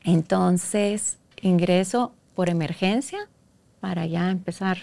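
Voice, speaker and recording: A woman's voice: lowish voice, slow pace, gravelly, dark tone, no room sound. A middle-aged woman, a guest in a podcast interview, telling a painful personal story in an earnest, heartfelt way, often quoting what others said.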